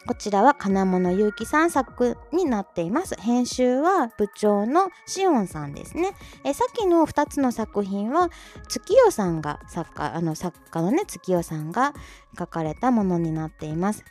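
This short audio livestream is hosted by a woman from an amateur voice-drama club who chats, makes announcements and reacts to listeners in a bubbly, giggly manner. Her medium-pitched voice is expressive at normal speed, with a soft music bed underneath.

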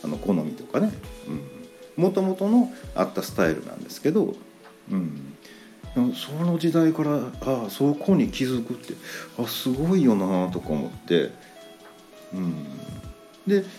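A man with a Kansai accent telling a story in a casual, animated podcast monologue, acting out the quoted lines. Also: mid-range voice. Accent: Kansai Japanese. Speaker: podcast host.

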